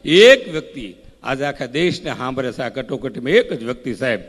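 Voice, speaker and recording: A man's voice: mid-range voice, big pitch swings, a little fast, a bit bright, breathy edge. Man telling rustic stage jokes in a hall. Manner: rustic anecdotes with rising oratorical bursts. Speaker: folk comedian on stage. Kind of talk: Gujarati folk stage comedy and storytelling. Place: large hall at a community event. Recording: long hall reverb.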